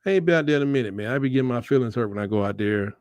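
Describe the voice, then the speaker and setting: A man's voice: mid-range voice, lively intonation, rapid-fire, a little mellow, no echo. A man co-hosting a casual sports debate, joking in a folksy, colloquial way. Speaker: sports show co-host.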